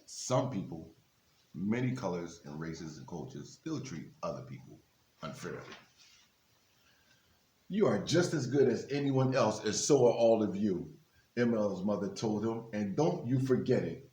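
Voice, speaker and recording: A man with a lowish, mellow voice reads a children's book aloud expressively and a little slowly, breaking off for informal, encouraging asides to his young listeners. He's a guest reader at a basketball team's literacy program event, recorded in an echoey, reverberant room.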